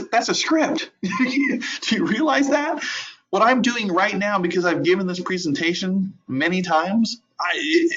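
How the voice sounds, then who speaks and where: A man coaching real estate agents in an online training, conversational and animated, often repeating words and laughing. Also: sits high. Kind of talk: virtual training lecture. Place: home office at a desk. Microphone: video call. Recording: dull lo-fi audio.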